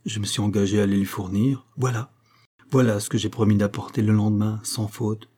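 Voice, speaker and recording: A man's voice: lowish voice, little pitch movement, fairly quick, mellow, breathy edge. A man reading the part of an anxious, loyal male government aide in an audiobook, speaking earnestly.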